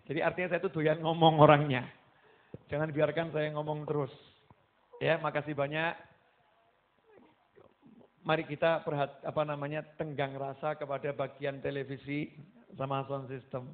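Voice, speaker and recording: A man with a Javanese accent preaching a sermon to a gathering, animated and acting out voices as he goes. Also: a little high, normal speed, pauses often. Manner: animated, mixing Javanese into his talk, acting out quoted voices. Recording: tinny phone-like sound.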